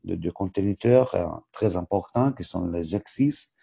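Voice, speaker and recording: A man from Switzerland, a native Italian speaker with an Italian accent, presenting a webinar as a football coach educator and haltingly searching for words in a second language. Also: sits low, creaky, dark tone, breathy edge.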